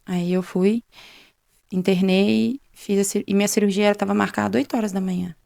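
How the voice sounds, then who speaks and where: A young adult woman on a faith show gives her testimony, re-enacting quoted exchanges in a conversational retelling of events. Her delivery is flat and fairly quick, her mid-range voice mellow with vocal fry, in a dry, clean studio recording.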